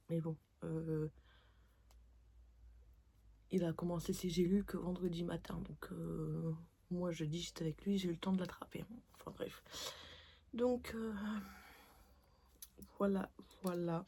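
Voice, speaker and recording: Low, mellow young Frenchwoman chatting casually. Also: gravelly, breathy edge. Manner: informal, rambling, trailing into filler words. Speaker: vlogger, mother. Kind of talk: casual vlog chat to viewers. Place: at home.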